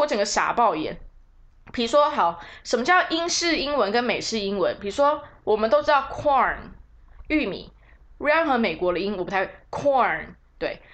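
A woman's voice: high-pitched, a bit bright. A woman, hosting a podcast and telling stories about her work as a tour leader in a chatty, self-mocking way. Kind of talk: casual storytelling podcast.

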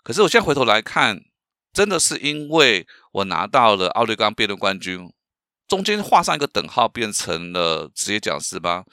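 A man's voice: lowish voice, big pitch swings, normal speed, bright, forceful tone, no echo, clean studio sound. A middle-aged man from Taiwan, a professional speaker hosting his own podcast, telling stories and asking rhetorical questions with frequent fillers. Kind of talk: solo podcast talk.

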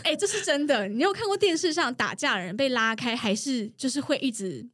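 A woman in her thirties hosting a podcast who tells stories in a loud, excitable way, laughing often. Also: high voice, a little fast, no echo, clean studio sound. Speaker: podcast host. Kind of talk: casual storytelling chat.

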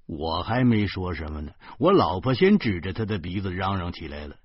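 A man in his thirties with a Beijing accent reads an audiobook in a wry, storytelling way. His low voice is husky and moves with lively swings of pitch at an unhurried pace. The recording is dull and lo-fi. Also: no echo. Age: 30s. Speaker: narrator. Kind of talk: audiobook narration.

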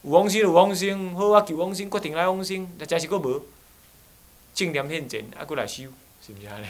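A man's voice: on the high side, a little fast. A man with a Taiwanese accent, an abbot giving a joking dharma lecture who often mimics people and slips into Taiwanese dialect. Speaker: Buddhist abbot.

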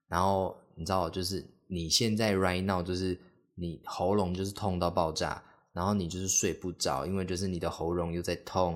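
A young man talks through a casual solo podcast in a very deep, low voice. He rambles and leans on fillers, breaking now and then into little acted-out quotes. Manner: rambling, heavy on fillers, acts out quoted speech. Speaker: podcast host.

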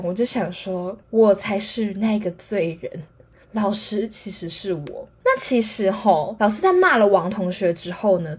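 A woman's voice: mid-range voice, husky. A nineteen-year-old woman with a Taiwanese Mandarin accent hosts a solo podcast, telling a chatty story full of fillers and acting out other people's lines. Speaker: podcast host.

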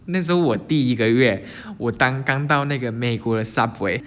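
A young man from Taiwan, hosting his channel in a casual storytelling monologue, lively and sprinkling English words into his speech. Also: medium pitch, normal speed. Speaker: channel host.

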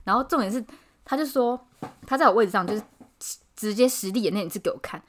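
Brief: Taiwanese woman in her thirties, podcast host, rapid animated storyteller who acts out coworkers. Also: medium pitch, slight background noise. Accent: Taiwanese Mandarin. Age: 30s. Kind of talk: casual chat.

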